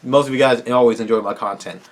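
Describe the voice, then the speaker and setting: Finishing a casual Q&A, a man on his own video channel rambles to viewers with eager restarts, sounding tired and strained. He talks fast in a mid-range voice with a steady tone.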